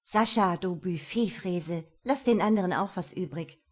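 A sharp-tongued female detective, voiced by a woman narrator, wry and quick with a comeback. The voice stays close to the reader's own. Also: lowish voice.

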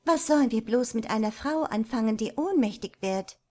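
A woman's voice: on the high side, animated, moderate pace, mellow, voice pushed up, lightly acted. A woman reading the part of a genteel American lady who is fussy and easily shocked. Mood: fussy, dismayed. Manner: fussy, exclaiming.

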